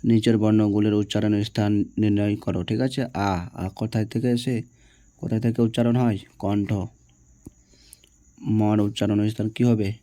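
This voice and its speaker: Low flat-voiced man teacher. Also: moderate pace, no room sound. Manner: reads each question, answers it, checks with "ঠিক আছে?". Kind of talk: exam answer walkthrough.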